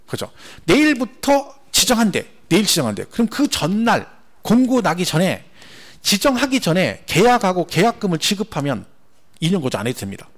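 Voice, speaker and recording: Male instructor lecturing an exam-prep class, brisk and lively, voice a bit higher than most men. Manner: animated, repetitive, rhetorical questions to class. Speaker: tax law instructor.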